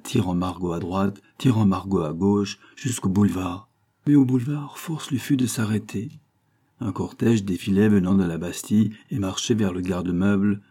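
Dark, husky-voiced male narrator. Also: lowish voice. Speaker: audiobook narrator. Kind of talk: scripted narration of a classic novel.

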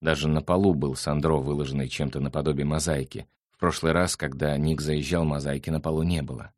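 A man narrating a novel in a measured, even storytelling manner. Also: extremely low pitch, dry recording, clean studio sound. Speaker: audiobook narrator. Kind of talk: scripted narration.

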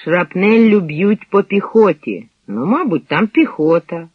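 A gruff wartime sergeant, read by a man, who teases his men in short, mocking jabs. The voice is husky and rises and falls a lot. The recording sounds dull and lo-fi. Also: sits high, big pitch swings, measured pace, dry recording, full character voice. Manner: mocking, curt.

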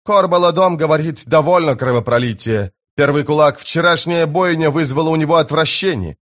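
A man playing a scheming priest from an audiobook. He speaks slowly and slyly, and he hisses his accusations. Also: a little high, a bit bright, voice pushed up, natural voice. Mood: persuasive. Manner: hissing, drawn-out accusations. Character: scheming sly male priest.

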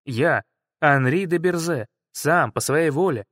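Male audiobook reader, slightly higher voice, dry sound, measured dramatic delivery. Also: lively intonation, a bit bright, dry recording. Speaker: audiobook narrator. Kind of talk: first-person audiobook narration.

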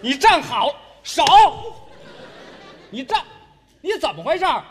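A man's voice: very high voice, sing-song, measured pace, fairly bright tone, a little hiss or hum. A man performing comic crosstalk on stage, scolding his partner in banter and breaking into Peking opera. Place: stage before a live audience.

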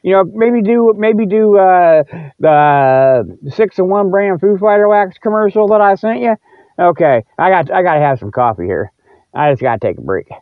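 A man with a high-pitched, expressive voice hosts a podcast at a moderate pace, rambling in a folksy, repetitive, stop-and-start solo monologue like a casual talk show. The sound is narrow and phone-like, with no echo.

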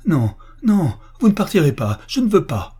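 A man's voice: medium pitch, animated, normal speed, warm tone, breathy edge, voice pushed up. A man reading an audiobook, voicing a young woman who pleads passionately with her lover. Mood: defiant. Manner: impassioned, pleading.

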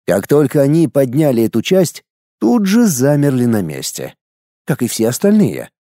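A man reading a novel aloud as an audiobook narrator, in an expressive, measured storytelling manner. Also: medium pitch, no room sound, clean studio sound.

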